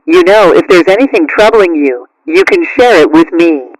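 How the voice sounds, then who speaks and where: A man plays a cartoon mother cat in a high register. She is caring and gently firm, soothing in manner, recorded dry and close. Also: expressive, normal speed, no room sound, low-quality recording. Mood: polite suspicion. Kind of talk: cartoon character acting.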